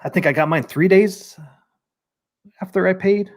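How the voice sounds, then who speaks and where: Speaking a little slowly in a high voice, a man hosts an informal live stream. His manner is easygoing as he chats and goes through viewer comments out loud.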